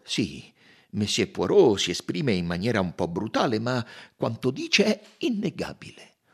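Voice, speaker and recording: A man's voice: lowish voice, wildly swooping pitch, measured pace, gravelly, fairly bright tone, husky, heavily acted. A man voicing a firm, earnest young countess. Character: young countess, proud, then passionate.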